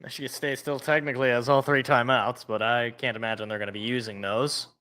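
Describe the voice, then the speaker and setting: A man doing casual live play-by-play football commentary, reacting as he goes and moving between excited calls and muttered asides. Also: medium pitch, brisk.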